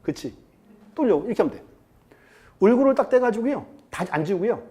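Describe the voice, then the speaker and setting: A man's voice: high-pitched, animated, a little fast, mellow. A male lecturer teaching a class in a chatty way, quizzing students and acting out quotes. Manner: chatty, asks the class questions and acts out quotes. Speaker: real estate law lecturer.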